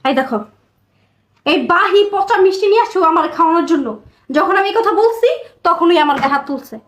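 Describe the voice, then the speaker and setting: Woman as a scornful rich housewife, high-voiced. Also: lively intonation, fast talker, a bit bright. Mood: outraged. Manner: contemptuous, scolding. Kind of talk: social media skit acting.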